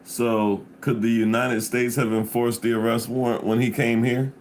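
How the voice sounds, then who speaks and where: A man's voice: mid-range voice, level tone, moderate pace, slight background noise. A man hosting a casual chat show, asking curious, laid-back questions in short bursts. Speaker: show host.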